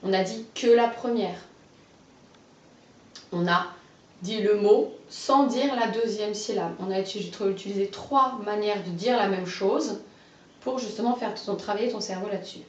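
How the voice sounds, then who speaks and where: A woman teaching a phonology exercise guides a child, saying clearly pronounced words one at a time and encouraging replies. Her mid-range voice is slow, carefully articulated and encouraging. She sits far from the mic, so the sound is dull, roomy and off-mic.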